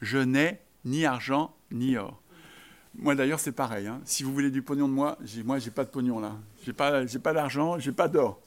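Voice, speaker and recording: A man's voice: mid-range voice, moderate pace. A man preaching a sermon, talking conversationally with joking asides and emphatic repeated phrases.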